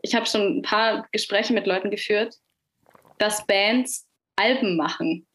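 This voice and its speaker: Speaking in an unhurried, fairly bright mid-range voice, this young adult woman from Germany has a Franconian accent. She's a chatty musician guest in a casual podcast interview, using plenty of fillers and laughing readily.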